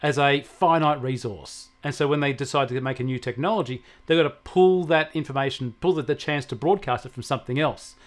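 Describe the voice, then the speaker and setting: An Australian man, a technology commentator on a regular show, talks conversationally at a medium pitch and a slightly quick pace with few pauses. He explains emphatically, building his arguments through repetition.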